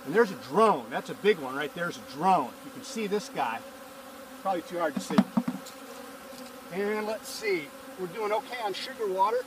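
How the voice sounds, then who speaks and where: Guy in a bee suit talking you through his hive, kinda high voice, camera a few feet off, bees buzzing loud. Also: normal speed, background noise. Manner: calm, explains step by step while working. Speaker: hobby beekeeper. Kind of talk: casual how-to narration. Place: outdoors on a farm field by a beehive. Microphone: camera a few feet away, speaker in a bee suit and veil. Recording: distant outdoor camera audio, buzzing bees.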